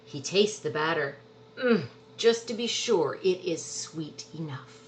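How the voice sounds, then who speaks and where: Low-pitched and animated, a woman reads a children's storybook aloud, stretching out words to emphasize them in an expressive picture book read-aloud. A little hiss or hum sits under the recording.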